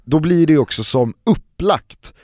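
A man hosting a casual podcast chat, animated and joking, often pausing on fillers as he builds his point. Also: on the high side, no echo, clean studio sound. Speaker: podcast host.

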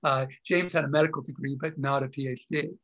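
A man's voice: medium pitch, steady tone, fast talker, a bit bright, dull audio. A man answering interview questions as an author and historian, talking at length with many fillers and restarts.

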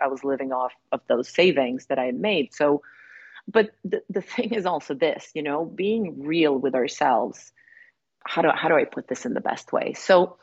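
A Serbian woman in her forties, a women's relationship coach, reflects on her path in a conversational interview, speaking in a low, slightly rough register. She pauses often, uses fillers and restarts sentences. The recording is dry, a little muffled, with no room sound.

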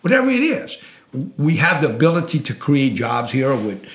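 A man's voice: on the high side, wildly swooping pitch, moderate pace, roomy sound. A man with a thick Louisiana Cajun accent, making his case in a conversational interview, emphatic and repeating phrases for weight. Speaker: interview guest, oil industry advocate. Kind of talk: conversational interview, persuasive explaining.

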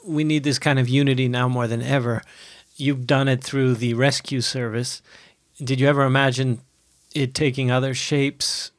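A man's voice: medium pitch, flat delivery, normal speed, no echo, studio quality. Man co-host asking reflective questions. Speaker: podcast co-host. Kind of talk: interview questions.

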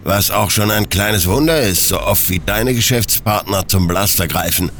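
A man's voice: on the low side, normal speed, fairly bright tone, faint music behind. A man voicing a dry, pessimistic male smuggler first mate in a storybook reading, speaking in a sardonic tone.

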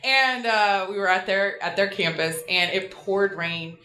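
A lively woman in her forties spins a personal story as an interview guest, laughing often and putting on little voices for the people she quotes. Her tone is bright and forward, and the talk rings in an echoey room. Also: medium pitch, measured pace. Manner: animated, laughing, acting out quotes. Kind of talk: casual storytelling.

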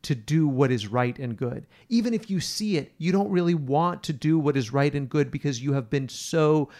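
A man with a fairly high voice talks through Bible passages with a podcast partner. He is earnest and emphatic and leans on repetition to press his point home. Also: expressive, normal speed, darkish tone. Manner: earnest, emphatic, repeats words for stress. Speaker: podcast co-host teaching on scripture. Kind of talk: conversational Bible teaching.

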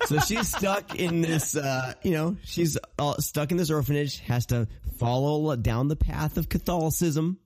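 A man recapping casually on a podcast panel in a hesitant, halting way. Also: fairly high pitch, darkish tone, no room sound, studio quality. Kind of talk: casual chat.

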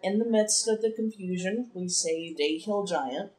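A woman player in a tabletop game, recapping casually with relaxed fillers. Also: mid-range voice, measured pace, low-quality recording.

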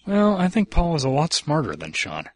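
Lively husky-voiced man. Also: fairly high pitch. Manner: animated, chatty, quick reactions. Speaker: podcast co-host. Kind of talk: casual movie commentary.

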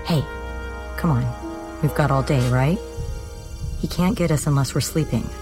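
A man's voice: a little high, moderate pace, music in the background, pitched above the performer's own voice, lightly acted. A man doing a fierce protective young woman. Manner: fierce, insistent.

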